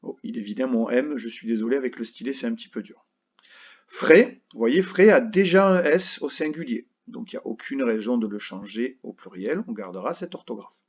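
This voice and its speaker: A man with a slightly husky voice teaches a recorded lesson to young children. He speaks slowly and patiently, spelling words out letter by letter and checking in often. The sound is a little dull and lo-fi. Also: medium pitch, lively intonation. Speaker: primary school teacher.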